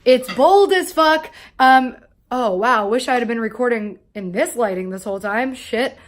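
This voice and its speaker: A woman's voice: a little high, lively intonation, normal speed. A woman of twenty-seven talking candidly and casually to camera as a vlogger, in a confessional, rambling way with plenty of swearing.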